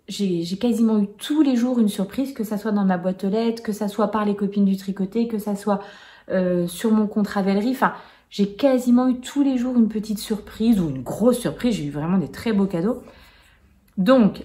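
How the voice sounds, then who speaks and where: At home, a woman in her forties chats casually to camera about knitting as a knitting vlogger, hesitant, with many fillers and small laughs. Her voice is medium in pitch and dark in tone.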